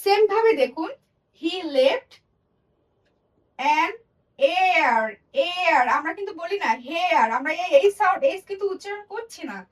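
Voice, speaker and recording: High-voiced woman teaching English grammar. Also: lively intonation, distant mic, rough recording. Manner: explains slowly, repeating example words and sentences. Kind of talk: classroom grammar lesson.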